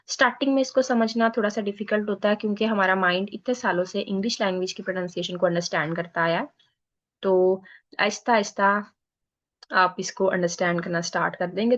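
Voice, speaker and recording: A woman teaching a beginner language class, patiently spelling out letters and repeating each one slowly. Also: medium pitch, fairly even intonation, highs cut off. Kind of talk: slow bilingual lesson, spelling out letters.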